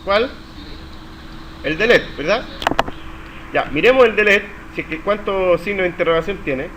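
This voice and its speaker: A man's voice: high voice, lively intonation, normal speed. A man teaching a live university coding class, questioning students and praising their answers. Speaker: university lecturer. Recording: noisy classroom recording.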